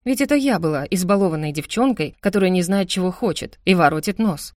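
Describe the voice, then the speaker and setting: A woman narrating a first-person audiobook in an expressive reading voice. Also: lowish voice, quick pace, no room sound, clean studio sound.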